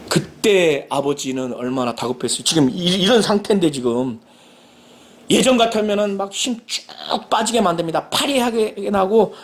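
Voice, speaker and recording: Impassioned high-voiced male pastor preaching. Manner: impassioned, acts out Jesus and the father in quoted lines. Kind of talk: sermon.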